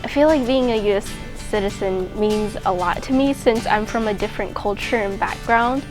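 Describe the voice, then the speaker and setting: A woman's voice: medium pitch, normal speed. Teen girl from Taiwan, interviewed. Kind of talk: casual interview answers. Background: music.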